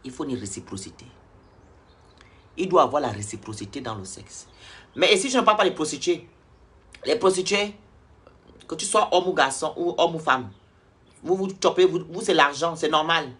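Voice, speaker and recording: A man's voice: on the high side, animated, moderate pace, long pauses, sharp tone, breathy edge. A man delivering a blunt, preachy rant in a social-media vlog, lecturing his viewers directly. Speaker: online commentator.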